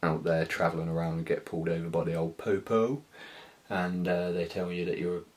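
Brisk and a little mellow, his low voice barely moves in pitch. The speaker, a British motovlogger in his thirties, is showing off gear hands-on in a small living room, talking casually with slang and a bit of hesitation.

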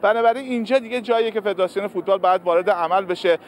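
A man's voice: high voice, flat delivery. A man in his forties with an Iranian Persian accent, giving live unscripted analysis as a sports correspondent outdoors. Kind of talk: live report, spontaneous analysis. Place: large busy open square outdoors. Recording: outdoor city noise, traffic.

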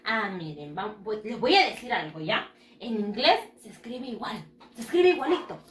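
A woman's voice: medium pitch, lively intonation, moderate pace, fairly bright tone, slight background noise. A woman teaching English to young children in a bilingual lesson, with a sing-song, encouraging delivery. She asks questions and then answers them herself. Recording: echoey room.

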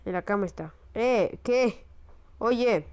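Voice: medium pitch, slow, a little mellow, clear, resonant tone. A casual let's-play commentator who chats, mutters and reacts jumpily to scares. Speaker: gameplay commentator.

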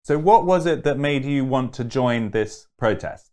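A man in his thirties hosts an interview, asking his guest questions in a polite and eager way. His voice sits at an ordinary middle pitch. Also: expressive, a little slow, a little mellow. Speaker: interview host. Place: studio.

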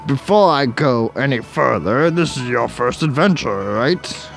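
Man doing a gentle old professor, read from game text, slow and mild. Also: mid-range voice, animated, gravelly, faint music behind. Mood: welcoming. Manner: reads on-screen dialogue aloud in a mild put-on voice. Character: elderly male professor, welcoming and explanatory. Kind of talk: reading game dialogue aloud.

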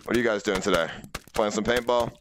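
A male streamer whose voice runs through a voice changer that pitches it deep, trolling strangers in a game with crude, profane teasing. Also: fast talker, background noise.

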